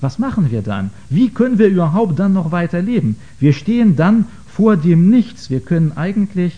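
A man giving a lecture on faith to an audience, earnest and hesitant, often pausing with filler sounds. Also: high-pitched, big pitch swings, mellow. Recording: dull lo-fi recording.

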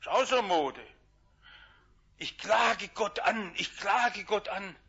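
A man preaching a sermon, shifting between loud emphatic lines and hushed quiet ones. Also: sits high, slow, creaky, breathy edge, muffled recording.

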